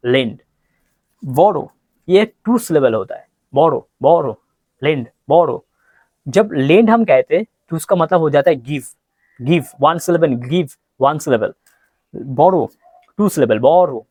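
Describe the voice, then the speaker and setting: A man teaches a grammar lesson at a very unhurried pace. His voice sits a little high for a man, and the recording is dry and close. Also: a little mellow, dry recording. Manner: explains in Hindi, reads English examples slowly and repeats words. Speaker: English teacher.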